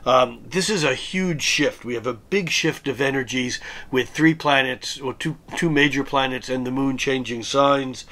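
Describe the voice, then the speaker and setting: A male astrologer talks through an astrology forecast, his voice raspy and hoarse as he recovers from an illness. He moves methodically from one date and planetary aspect to the next, at a mid-range pitch for a man. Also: normal speed, bright, forceful tone.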